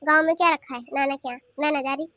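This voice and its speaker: A woman's voice: high voice, steady tone, quick pace, pushed and bright, no room sound, highs cut off. A woman voicing a cheeky, stubborn teenage granddaughter in a cartoon who argues back. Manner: talking back, whiny and argumentative. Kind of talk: cartoon voice acting.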